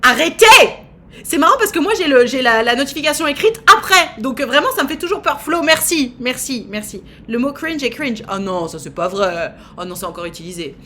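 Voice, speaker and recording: Chatty woman streamer in her 30s, teasing, lots of euh, voice a bit high, faint hiss behind. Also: lively intonation, fairly quick, sharp tone. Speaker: streamer host. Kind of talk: casual live-stream chat.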